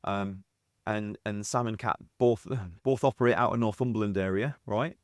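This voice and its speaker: A man hosts a podcast in a fairly deep voice, with a Mackem accent smoothed into something posher. The sound is close and dry, and his interviewing style is casual. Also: moderate pace, no echo. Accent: Sunderland (Mackem), softened and posh. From North East England. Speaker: podcast host.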